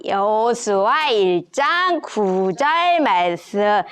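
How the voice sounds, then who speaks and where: A woman teaching a children's Sunday school lesson, leading slow, clear, sing-song recitations. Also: medium pitch, very animated, fairly bright tone. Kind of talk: children's Bible memory lesson.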